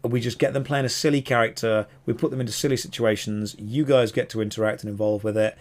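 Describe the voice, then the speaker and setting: A man's voice: mid-range voice, steady tone, fast talker, darkish tone. A man co-hosting a casual podcast, talking enthusiastically and wandering off on tangents. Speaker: podcast co-host.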